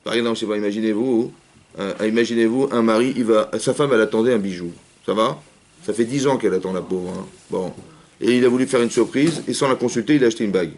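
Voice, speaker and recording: A rabbi giving a lively Torah class, rapid and animated, acting out little dialogues as he answers questions. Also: lowish voice. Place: community hall.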